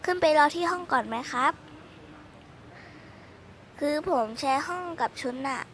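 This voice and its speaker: A woman's voice: high-pitched, lively intonation, measured pace, fairly bright tone, slight background noise. A woman doing a polite, eager young student. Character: polite young student, girl passing as a boy. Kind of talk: one-person voice drama.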